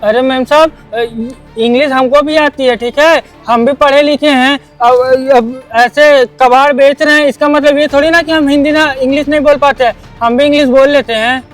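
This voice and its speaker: A man's voice: very high-pitched, steady tone, normal speed, hardly any pauses, a bit bright, soft background music. A man acting a scrap dealer in a scripted drama, polite but firm and indignant. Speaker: scrap dealer hiding his wealth in a short film.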